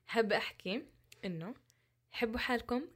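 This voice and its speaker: As a guest in a candid interview, this woman, a social media content creator, talks a little fast in a voice on the high side. Her manner is passionate and emphatic, packed with rhetorical questions.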